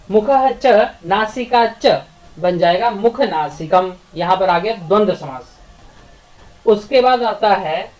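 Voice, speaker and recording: A woman giving a recorded Sanskrit grammar lecture. She explains step by step, repeats herself, asks rhetorical questions and chants verses in a measured rhythm. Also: medium pitch, a little mellow, poor audio.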